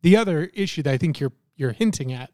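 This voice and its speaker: A man from South Florida with a somewhat high voice, co-hosting a casual podcast chat. He thinks out loud in quick, reflective tangents. The recording is dry and close. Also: lively intonation, dry recording. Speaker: podcast co-host.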